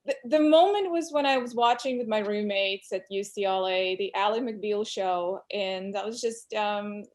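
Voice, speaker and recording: Appearing as a guest in a relaxed interview, an employment lawyer from Russia whose first language is Russian shares her story with candor and reflection. She speaks at a medium pitch and moderate pace, with a darkish tone.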